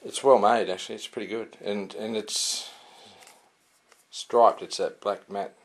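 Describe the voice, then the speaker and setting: A man's voice: lowish voice, steady tone, measured pace, a little hiss or hum. A man giving a casual, rambling product review with many fillers and restarts. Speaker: sword reviewer.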